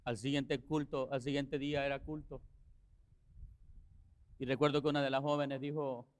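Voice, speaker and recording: A man preaching a sermon as pastor, telling a story with rising passion and quiet, slow passages. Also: mid-range voice, flat delivery. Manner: impassioned preaching, swelling to shouts then dropping soft.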